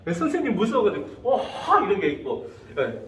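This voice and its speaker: A young adult man giving a lively, storytelling youth sermon as a pastor, acting out the voices in his stories. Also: sits high, fast talker. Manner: animated, acts out quoted voices. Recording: echoey church hall, from far off.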